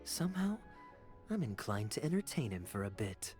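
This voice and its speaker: An actor playing a suave, unruffled captain in a video game, with a smooth, wry and teasing delivery. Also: male voice, on the low side, big pitch swings, moderate pace, darkish tone, soft background music. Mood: wry, amused.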